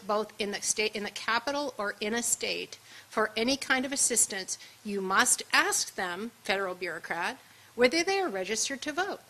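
A woman's voice: mid-range voice, bright, forceful tone, rough recording. A woman giving a conversational seminar presentation with emphatic asides. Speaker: seminar speaker. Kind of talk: luncheon presentation. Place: event room at a seminar.

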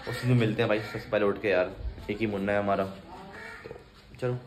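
A man's voice: fairly low pitch, fairly even intonation, moderate pace, faint music behind. A young man casually narrating his day to camera, chatty and informal, talking to viewers like friends. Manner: chatty, keeps addressing viewers as brother. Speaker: vlogger. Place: at home, indoors. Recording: noisy home recording.

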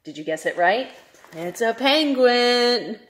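A young adult woman, a children's librarian reading aloud at story time in an animated, sing-song, questioning manner. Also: fairly high pitch, slow pace.

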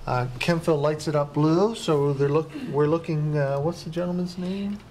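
A man's voice: a little high, normal speed. A man serving as the town's administrative officer, reporting to council in a casual, plainspoken way with a few fillers. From Canada. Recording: faint noise, council chamber.

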